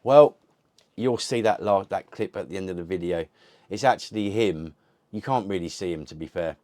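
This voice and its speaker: Speaking fairly quickly in a low, slightly mellow voice, this retro gaming channel host does a casual unboxing chat to camera. The recording is dry, and he rambles, swears nonstop and keeps starting sentences over.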